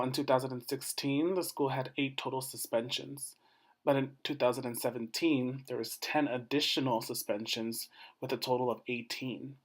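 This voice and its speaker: A man presents research in a formal, scripted academic style, like a doctoral student at a defense. His voice sits at an average male pitch, and he moves through his points in measured, short phrases.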